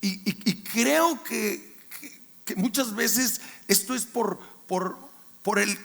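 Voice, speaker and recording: A male pastor with a Mexican accent preaching a sermon in a colloquial way, bursting into shouts for emphasis. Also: high voice, slow pace, vocal fry.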